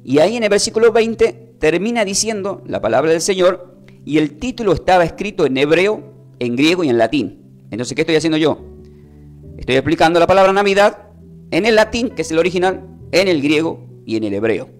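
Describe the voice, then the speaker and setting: A man teaching a Bible lesson, slowly spelling out and repeating words for his listeners. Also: on the high side, expressive, faint music behind. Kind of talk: sermon.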